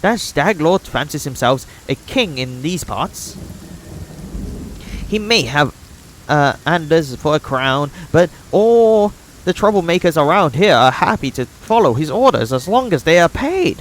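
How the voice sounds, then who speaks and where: A man's voice: fairly high pitch, sing-song, a little slow, fairly bright tone, voice pushed up. Brief: streamer doing a raised, grumbling innkeeper voice, a put-upon frontier man airing grievances in a fantasy game. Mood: bitter. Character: gruff middle-aged male frontier innkeeper, aggrieved.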